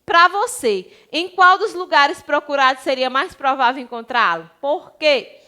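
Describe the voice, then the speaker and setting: Bright high-voiced Brazilian teacher woman. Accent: Brazilian Portuguese. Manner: affectionate, explains slowly to young children. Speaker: primary school teacher. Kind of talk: online class lesson.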